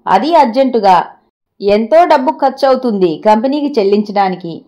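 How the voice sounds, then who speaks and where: A woman's voice: fairly high pitch, expressive, warm tone, lightly acted. A woman voicing an anxious, bewildered husband in a storybook reading. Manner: anxious rapid questioning.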